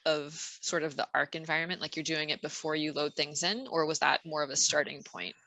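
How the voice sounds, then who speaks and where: A woman's voice: low voice, fairly even intonation, fairly quick, bright, forceful tone, no echo, rough recording. A woman moderating a conference session over a video call, asking polite, hesitant questions.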